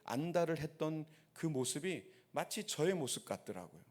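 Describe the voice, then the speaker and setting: A man's voice: a little high, sing-song, moderate pace, a little mellow. A man, a pastor, preaching a sermon and telling a story while asking the congregation rhetorical questions. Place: church sanctuary.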